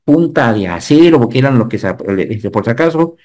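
Animated man in his fifties teaching. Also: medium pitch, fairly quick. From Peru. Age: 50s. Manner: animated teacher, asks the class checking questions. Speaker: occupational safety instructor. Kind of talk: online lecture.

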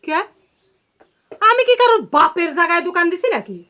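A fiery young village shopkeeper in a TV drama, high and bright in tone. She talks bluntly in rural dialect, scolding and sending people off. Nothing she says is soft. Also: very animated, a little fast, full character voice. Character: sharp-tongued young village woman shopkeeper. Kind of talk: TV drama acting.

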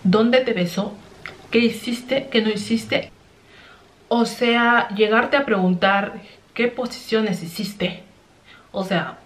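A woman's voice: medium pitch, a bit bright. A young adult woman vlogging, telling a personal story in an earnest, chatty way and often tagging her sentences with a questioning "right?". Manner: earnest, chatty, tags lines with "¿no?".

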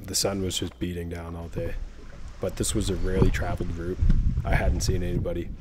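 A young man narrating his canoe fishing trip in a relaxed, plain-spoken voice-over with fillers and pauses. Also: low voice, slight background noise. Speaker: fishing vlogger.

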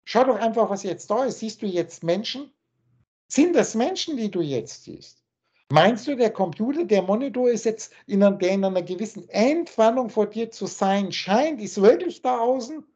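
A man on a video call, lecturing and scolding in a forceful, preachy way, with crude words thrown in. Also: high voice, breathy edge. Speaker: spiritual teacher. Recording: dull lo-fi call audio.

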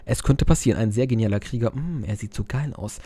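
Fast and husky yet mellow, this young man's mid-range voice comes through with no echo. He's a let's player joking around over a game, cursing often, crude in humor, and voicing viewers' messages in goofy ways.

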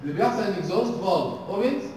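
Recorded from far off by a room mic in a big, echoing lecture hall, a young Egyptian man teaches a university engineering section and keeps throwing questions at the students. His voice is high-pitched but dark in tone, very fast and lively in intonation, with a little hiss or hum in the audio.

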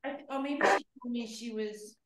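A woman in her fifties leading a live online exercise class from home, chatting and laughing before calmly cueing each move. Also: fairly high pitch, moderate pace. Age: 50s. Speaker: fitness instructor.

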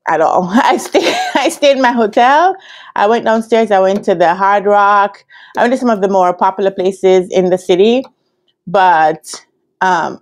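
A chatty Jamaican woman, a vlogger and business analyst coach, tells stories casually from a hotel room, speaking straight to viewers and laughing often. Her mid-range, darkish voice is recorded on a laptop webcam at a desk.

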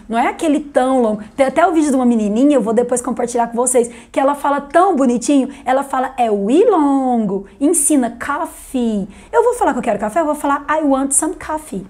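Brazilian lady teaching english on video, chatty, highish voice, says the words slow and over again. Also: a little mellow. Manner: chatty, explains slowly, repeats English words for emphasis. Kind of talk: casual video lesson.

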